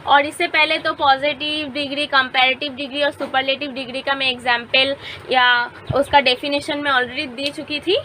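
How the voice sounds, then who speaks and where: High bright teacher voice. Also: female voice, level tone, normal speed, slight background noise. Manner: mixes Hindi and English, repeats "theek hai" as a check. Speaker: English teacher. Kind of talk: classroom lesson explaining grammar.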